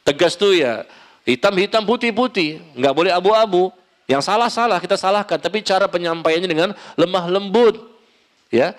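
A man preaching a sermon and answering audience questions, talking in an animated, emphatic and gently humorous way, addressing the listeners directly. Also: high voice, normal speed. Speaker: Islamic preacher.

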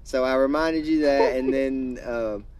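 A young man rambling in casual chat with friends in a small closed space, coughing, high and losing his train of thought. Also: a little slow, very noisy. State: intoxicated, coughing.

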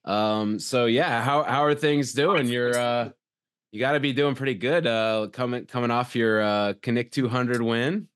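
A man's voice: medium pitch, unhurried, a bit bright, clean tone. A man co-hosting a casual podcast, talking in a rambling, upbeat way with lots of fillers. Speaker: podcast co-host. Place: Atlanta.

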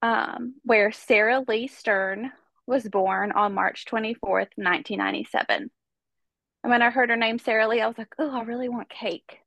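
On her podcast, a congested host relates a true-crime case in a relaxed, conversational style loaded with fillers. She has a fairly high, somewhat bright voice, moves at a moderate pace, and there's no echo.

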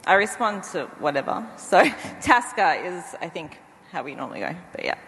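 A woman's voice: on the low side, sing-song, normal speed, a bit bright, a little hiss or hum. A woman speaking on a conference panel, eager and chatty, laughing often between thoughts. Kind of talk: panel discussion. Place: conference hall. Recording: hall with long reverb.

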